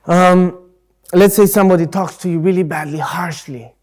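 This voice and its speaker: A man speaking at a Buddhist centre in a loose, chatty way, with a voice a little higher than most men's. He talks his ideas through with everyday examples and now and then slips into voicing other people. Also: normal speed, a little mellow, faint music behind. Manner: conversational, leans on everyday examples; acts out voices in quotes. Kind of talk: casual spoken Dharma talk.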